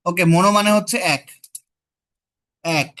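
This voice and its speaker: A woman teaching an online phonetics class, asking students questions and repeating vowel sounds slowly to model them. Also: on the low side, fairly bright tone.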